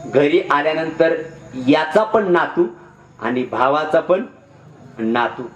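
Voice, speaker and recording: A man delivers a devotional sermon as a lively storyteller. His voice sits a little high and rings around an echoey venue. He slips into the voices of the people in his tale. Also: slow pace, crowd noise. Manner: animated storytelling, acting out characters' voices. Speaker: kirtan preacher.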